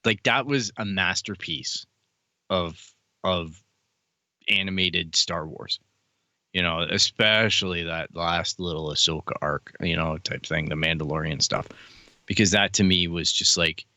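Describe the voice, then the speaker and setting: A man talks in a low, bright, forceful voice. He chats casually and eagerly, with the odd curse word thrown in, close to a dry mic. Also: measured pace, no room sound. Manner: animated, swears casually, fan enthusiasm. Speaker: podcast co-host. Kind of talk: casual chat.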